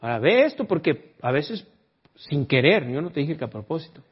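A man's voice: on the high side, very animated, a little fast, husky. A man preaching a sermon in a conversational way, often quizzing the congregation. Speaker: pastor. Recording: dull lo-fi recording.

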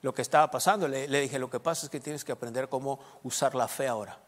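Preacher in an echoey hall. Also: male voice, medium pitch, fast. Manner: asks rhetorical questions and answers them himself. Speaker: pastor. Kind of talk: sermon.

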